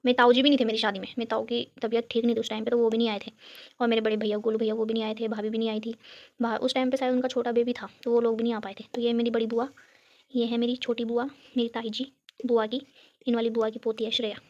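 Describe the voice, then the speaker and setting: A woman's voice: fairly high pitch, flat delivery, quick pace, darkish tone, muffled recording. A young woman from Uttarakhand, chatting and giggling as she shows viewers a photo album, filmed on her phone at home. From Uttarakhand, India. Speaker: vlogger. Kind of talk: casual chat showing a photo album. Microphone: phone camera.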